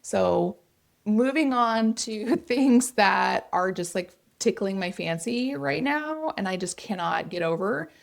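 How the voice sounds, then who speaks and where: A woman's voice: mid-range voice, expressive, takes it slowly, gravelly. A woman with an Oklahoma accent, chatting casually and enthusiastically as the host of a knitting vlog.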